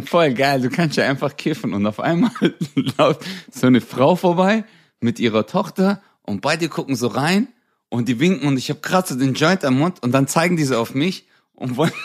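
A man co-hosting a casual comedy podcast, telling stories with lots of acted-out voices and laughter. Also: mid-range voice. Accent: German. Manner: animated storyteller, acts out voices and laughs a lot. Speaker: podcast co-host.

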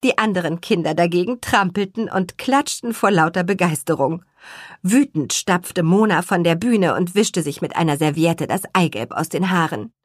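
A woman narrating a children's story with an expressive, measured reading style and a husky voice. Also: lowish voice, no room sound, clean studio sound. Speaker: audiobook narrator.

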